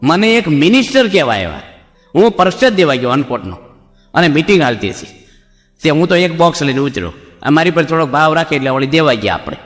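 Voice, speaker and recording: A monk gives a jokey sermon in a fairly high voice, turning to the crowd with questions again and again. His voice rings through a long-echoing hall, with soft music underneath. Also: sing-song, fast. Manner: jokey, keeps asking the audience questions. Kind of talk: humorous sermon. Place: assembly hall before a seated audience. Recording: reverberant hall with faint music.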